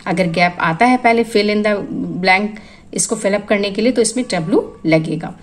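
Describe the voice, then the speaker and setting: A woman's voice: mid-range voice, moderate pace, low-quality recording. Woman teaching spelling word lists. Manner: lists words one by one, explaining rules. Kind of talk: spoken spelling lesson.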